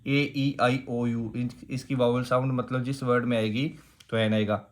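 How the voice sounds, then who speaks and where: A man's voice: mid-range voice, little pitch movement, normal speed. A man teaching an exam-prep grammar lesson, explaining step by step, asking rhetorical questions and repeating key points.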